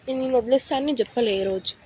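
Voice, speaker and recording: Fast, high-voiced angry woman with a Telangana accent. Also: crowd noise. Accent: Telangana Telugu. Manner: angry, scolding, threatening. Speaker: vlogger. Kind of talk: heated argument with partner. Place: outdoors in public.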